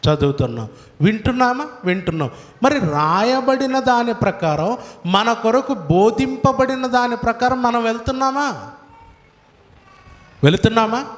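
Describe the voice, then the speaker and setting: A male pastor preaching a sermon, from India, firing rhetorical questions at his congregation. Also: high-pitched. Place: church hall. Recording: echoey hall, voice from far off.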